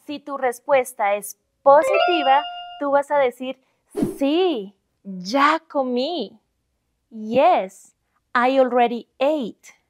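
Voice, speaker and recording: A young Colombian woman teaching Spanish grammar, giving examples slowly and clearly in Spanish and English. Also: high voice, animated. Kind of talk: bilingual grammar lesson.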